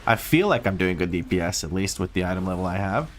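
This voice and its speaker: A man's voice: low-pitched, expressive, fast talker, a little hiss or hum. A man from Croatia with a Croatian accent, casually commenting on his own gameplay on stream, chatty and self-mocking, swearing now and then.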